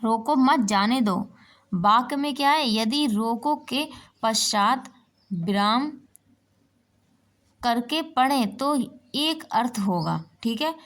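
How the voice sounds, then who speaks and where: A woman's voice: on the high side, fairly bright tone. A woman teacher explaining an exam-prep lesson while writing on a board, checking in with "ठीक है" and asking herself rhetorical questions. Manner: explanatory, repeats "ठीक है" and asks rhetorical "क्या है"; writes on a board while talking.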